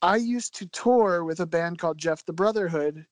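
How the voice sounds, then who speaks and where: A man's voice: high voice, normal speed, no echo. A young man from Philadelphia, a guest on a podcast, chatting casually in a rambling, self-deprecating way and laughing often. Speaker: podcast guest, album designer. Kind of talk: casual chat.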